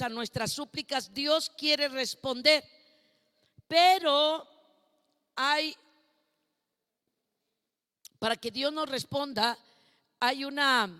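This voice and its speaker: Slow-preaching woman in a reverberant hall. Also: sits high, sharp tone. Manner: asks the congregation questions and has them repeat words. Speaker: preacher at a women's conference. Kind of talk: sermon.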